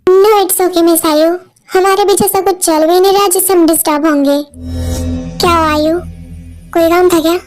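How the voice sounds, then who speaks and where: A woman's voice: very high voice, fairly even intonation, normal speed, pauses often, darkish tone, soft background music. A woman voicing a cold, irritable young husband who talks in short, scolding lines. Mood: annoyed. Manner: curt, scolding.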